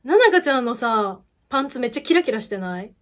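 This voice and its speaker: A young woman chats over a music video in a casual reaction style. Her voice sits fairly high, and she gushes with quick exclamations and bursts of laughter. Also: big pitch swings. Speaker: idol fan YouTuber.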